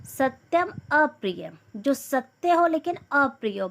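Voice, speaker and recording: Young woman, teacher, somewhat high voice, verse-by-verse explanation, stops to correct herself. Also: a bit bright. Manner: reads verse, then explains each word; corrects herself mid-sentence. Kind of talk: Sanskrit lesson, verse by verse explanation.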